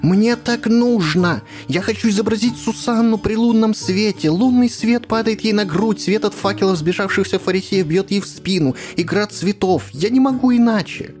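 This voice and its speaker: A man voicing a hot-tempered male painter who shouts and rants in exasperation. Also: mid-range voice, moderate pace, faint music behind, natural voice. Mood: indignant ranting.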